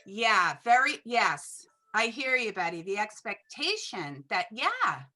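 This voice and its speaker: A woman's voice: medium pitch, sing-song, slow pace, sharp tone. A woman hosting an interview over a video call, talking in an encouraging and affirming way. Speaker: host. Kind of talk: conversational interview.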